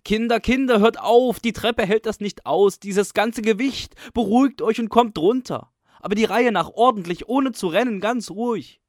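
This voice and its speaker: A man reading a story, voicing a panicked male school head who shouts and pleads out of breath. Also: high voice, moderate pace, no echo, studio quality, voice pushed up, natural voice. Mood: pleading.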